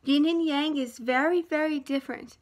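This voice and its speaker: A woman giving a rambling, emotional monologue to her viewers from a half-unpacked house, sometimes dropping to a soft hush. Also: high voice, moderate pace.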